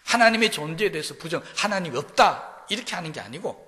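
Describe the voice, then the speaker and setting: Male pastor preaching, lively pitch swings from hushed to fervent. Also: very fast. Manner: swings between soft low asides and loud impassioned cries. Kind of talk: sermon. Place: church sanctuary. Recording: reverberant church hall.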